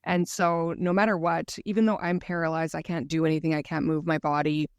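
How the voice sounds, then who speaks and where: A woman's voice: sits low, flat delivery, fairly quick. A woman guest tells her story in an earnest, candid way during a conversational interview. Her voice sounds dry and close, with no room echo.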